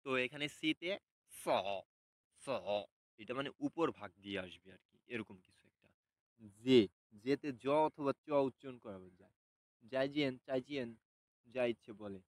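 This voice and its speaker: Unhurried man teaching with fillers. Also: mid-range voice, expressive, dry recording, low-quality recording. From Bangladesh. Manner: unhurried, hesitant with many fillers, repeats sounds slowly for practice. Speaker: language teacher. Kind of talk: casual spoken lesson.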